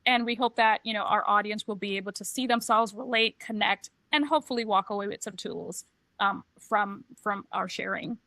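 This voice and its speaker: Here the same kind of speaker appears: a middle-aged transition coach from Trinidad and Tobago, co-hosting a laid-back podcast and sharing her personal story with candor and reflection. Her mid-range voice sounds pushed and bright, moving at a normal speed, with no room sound.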